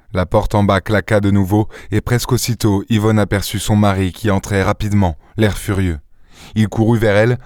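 A man narrating a classic story with measured, expressive delivery. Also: fairly low pitch, dry recording, studio quality. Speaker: audiobook narrator. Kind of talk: scripted literary narration.

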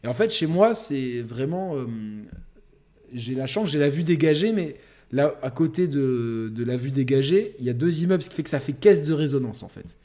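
A young man co-hosting a podcast, telling a crude story in a rambling, animated way with lots of fillers. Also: mid-range voice, normal speed. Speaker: podcast co-host. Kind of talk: casual storytelling chat.

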